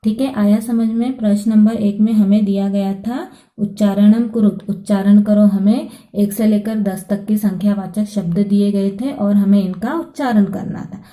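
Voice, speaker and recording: A woman's voice: medium pitch, steady tone, moderate pace, warm tone, reverberant. A woman teacher giving a patient Sanskrit lesson to students, explaining step by step and often checking that they follow.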